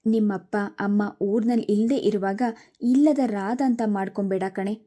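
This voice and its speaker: A woman's voice: medium pitch, fairly even intonation, normal speed, dark tone, lightly acted. A woman voicing a curt, stern old grandmother who grumbles and scolds in short replies, in a read-aloud storybook. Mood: scolding.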